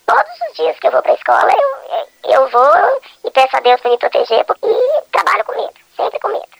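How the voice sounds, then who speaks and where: A woman schoolteacher giving anonymous testimony in a news report, her voice electronically distorted to hide her identity and her account fast and plain. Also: high voice, big pitch swings, creaky, no echo. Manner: fast, plain recounting of an attack.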